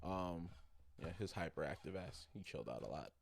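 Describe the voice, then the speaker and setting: A man co-hosting a podcast in casual chat, telling stories with lots of swearing and growing loud and excited as he goes. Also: deep voice, fairly quick, creaky. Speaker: podcast co-host.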